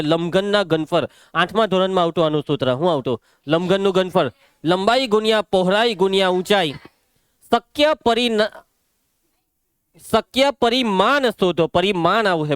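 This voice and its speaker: A young man with a Gujarati accent teaching a maths class, working through problems briskly, quizzing pupils by name and telling them to settle down. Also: high voice, clean tone, dry recording. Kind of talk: live classroom lesson.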